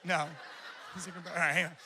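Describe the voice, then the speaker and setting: A man's voice: high-pitched, background noise. A man in his thirties preaching a sermon at church, telling stories casually and laughing often. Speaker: pastor. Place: church campus.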